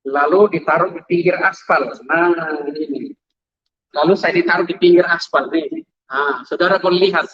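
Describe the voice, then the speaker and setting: A man's voice: a little high, normal speed, highs cut off. A man telling his testimony to a congregation, storytelling vividly and acting out sounds. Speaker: testimony speaker.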